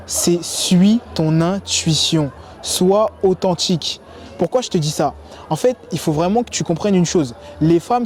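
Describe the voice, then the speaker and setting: Speaking to the camera at a sports complex, a young American man hands out dating advice with lots of energy, slang, and spontaneity. His voice is a little high.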